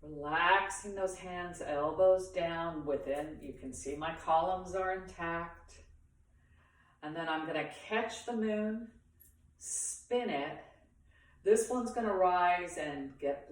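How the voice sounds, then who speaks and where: A low-voiced woman leads a beginners' tai chi class, describing every movement slowly in short, pause-separated phrases. The mic sits far from her in a very echoey room.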